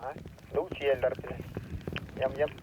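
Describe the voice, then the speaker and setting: A man's voice: mid-range voice, fairly even intonation, moderate pace, dull audio, background noise. A man heard over a two-way radio, giving short replies.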